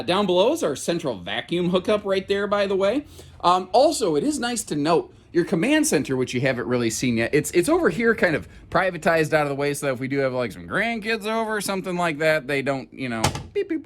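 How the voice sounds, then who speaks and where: Chatty folksy man with lively pitch. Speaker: RV dealer giving a walkthrough. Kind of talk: casual video walkthrough. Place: inside a trailer.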